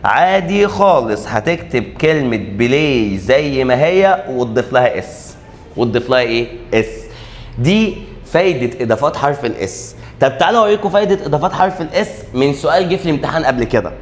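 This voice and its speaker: A man with an Egyptian Arabic accent teaching an exam-prep English grammar lesson, animated, posing students' questions and answering them himself, drawing out key letters slowly. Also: medium pitch, slight background noise. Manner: animated, asks and answers his own questions.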